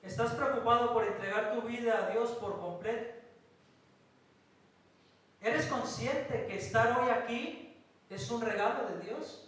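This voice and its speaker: A man from Colombia, a pastor, preaching a sermon with emphatic pauses and rhetorical questions. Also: extremely high pitch, fairly bright tone. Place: church hall. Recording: very echoey hall from a distance.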